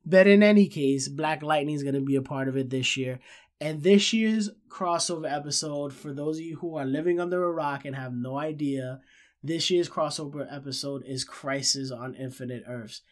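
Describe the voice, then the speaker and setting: A man in his thirties talks casually as a solo podcast host, pitched a bit higher than most men. His voice is nasal and congested from a cold, with short breath. He repeats phrases for emphasis and addresses his audience like friends. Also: moderate pace. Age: 30s. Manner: emphatic repetition, addresses listeners as guys. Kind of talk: solo pop-culture podcast commentary, casual.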